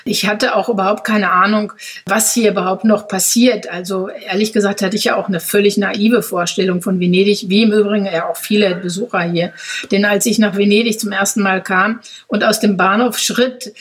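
A woman's voice: mid-range voice, breathy edge. A woman in her fifties from the Ruhr area, answering interview questions in a reflective, meandering way with many filler phrases. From Ruhr area, Germany. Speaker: interview guest.

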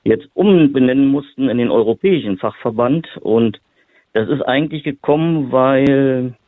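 A man's voice: mid-range voice, moderate pace, no echo. A man from Berlin, a boxing therapist and lecturer, talking as an interview guest in loose, run-on sentences full of fillers. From Berlin, Germany. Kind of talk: interview guest, casual explaining. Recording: tinny phone-line audio.

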